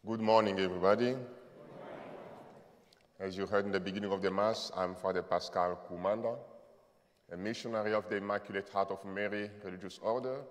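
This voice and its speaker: A priest from the Democratic Republic of the Congo gives a sermon in a low voice, earnest and emphatic, pausing on fillers now and then. His words ring through a large church sanctuary with a long hall reverb trailing each phrase. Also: steady tone. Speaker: visiting priest.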